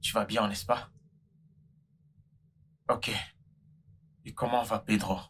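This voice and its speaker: An actor playing a smooth-talking man who juggles lovers for money, coaxing and pleading. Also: lowish voice, fairly even intonation, takes it slowly, fairly bright tone, slight background noise. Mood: sweet-talking. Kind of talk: dubbed film drama.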